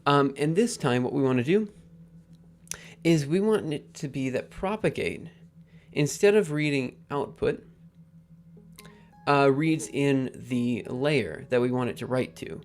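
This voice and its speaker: A man hosting a live coding stream, thinking aloud in a halting, casual way with many ums. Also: medium pitch, animated. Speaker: livestream host.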